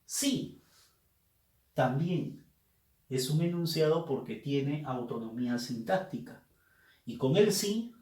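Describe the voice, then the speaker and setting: Male teacher, slow and methodical explainer, lively, animated pitch, roomy echo. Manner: slow, deliberate, explanatory, stressing key words. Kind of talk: recorded grammar lesson.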